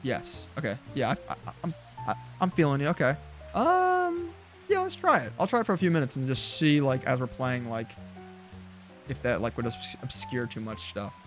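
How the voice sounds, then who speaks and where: A man's voice: medium pitch, fairly quick, faint music behind. A man streaming a farming game, chatting casually with lots of fillers and restarts. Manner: rambling, many fillers and restarts, chuckles. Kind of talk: casual gameplay chat.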